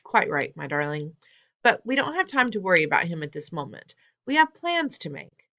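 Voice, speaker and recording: Woman doing a brisk elderly grandmother. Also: on the low side, sing-song, bright, forceful tone, exaggerated voice. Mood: plotting. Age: older.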